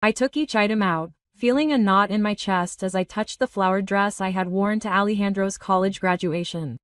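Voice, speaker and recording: A woman reading a first-person story in a steady, even narrating voice. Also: medium pitch, moderate pace, no room sound, clean studio sound, recorded from a distance.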